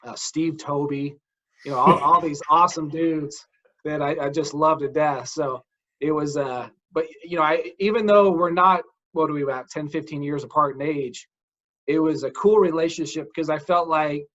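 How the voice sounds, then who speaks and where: A man in his forties chats as an interview host, eager and full of stories. His voice sits a little high. The audio is dull and lo-fi. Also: steady tone, normal speed, fairly bright tone. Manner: enthusiastic, storytelling, says dude a lot. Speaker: podcast host, mental coach. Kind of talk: casual interview chat.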